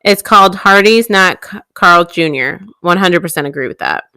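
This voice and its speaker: Woman co-host, 30s, bright clear tone, dry close mic, chatty. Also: on the low side, animated, moderate pace, no room sound. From Illinois. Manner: chatty, laughs easily. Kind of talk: casual chat.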